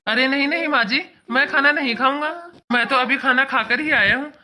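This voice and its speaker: A woman voicing a joking young son-in-law in a cartoon, who teases in a deadpan way. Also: high-pitched, brisk, slight background noise. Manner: teasing, deadpan. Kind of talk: cartoon dubbing.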